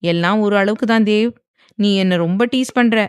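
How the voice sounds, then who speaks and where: A woman voicing a playful, sulky young wife with pouty, quick retorts in a dramatized audiobook reading. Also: medium pitch, darkish tone, dry recording, clean studio sound, close to an everyday voice.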